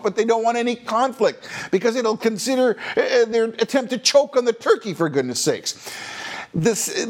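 Lively, high-pitched wry male host. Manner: wry, sarcastic, theatrical emphasis. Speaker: podcast host. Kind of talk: scripted monologue commentary.

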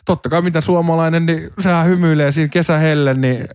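A man chatting casually in a podcast, telling lively fan stories with sudden jumps in pitch, mimicking people and swearing now and then. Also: clean tone, no echo, studio quality. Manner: animated, swears, mimics others in anecdotes. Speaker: podcast co-host. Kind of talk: casual storytelling chat.

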